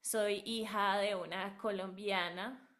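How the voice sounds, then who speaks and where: A Venezuelan woman, a singer and vocal coach, answering interview questions thoughtfully with frequent pauses and fillers. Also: medium pitch, fairly even intonation, a bit bright. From Barquisimeto, Venezuela.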